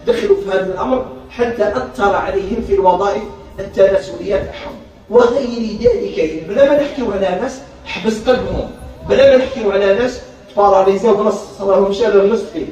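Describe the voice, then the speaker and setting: A man with an Algerian Arabic accent giving a lively counseling lecture. He talks in an animated way and acts out little dialogues as he goes. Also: high voice, fast talker, faint music behind. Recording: very echoey room, mic far off.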